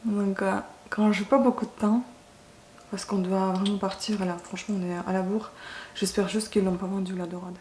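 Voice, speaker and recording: Her pitch is medium, her tone level and a bit mellow, and she talks at a moderate pace. This beauty vlogger makes casual conversation to camera during her makeup routine, hesitating and self-correcting a lot, in a room with noticeable echo and faint background noise.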